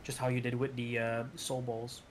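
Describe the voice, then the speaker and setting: A man's voice: medium pitch, completely flat delivery, normal speed. Matter-of-fact man explaining game rules. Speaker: co-player. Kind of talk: casual gaming chat.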